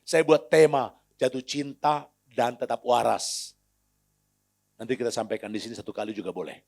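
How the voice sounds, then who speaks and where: A man preaching a sermon to a congregation in a church hall, alternating between quiet storytelling and loud shouted exhortation. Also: mid-range voice, fairly even intonation, normal speed, creaky. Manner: addresses the congregation as friends, often calling out "hei". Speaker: pastor.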